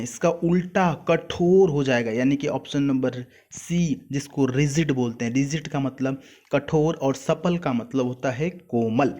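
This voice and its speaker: A man's voice: a little high, darkish tone. A young man teaching a vocabulary lesson for exam students, explaining word meanings patiently and repeating key points.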